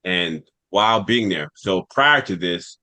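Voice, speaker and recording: A man's voice: deep voice, animated, measured pace, sharp tone. A man hosting a podcast and telling a rambling personal story from childhood, with a New York accent. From United States. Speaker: podcast host. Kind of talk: casual storytelling.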